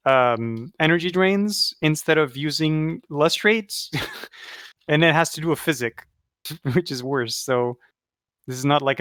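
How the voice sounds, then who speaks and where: Casting: higher-voiced gamer guy, excitable, sweary, dry close mic. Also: dry recording. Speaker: healer player in a raid group. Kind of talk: casual voice chat.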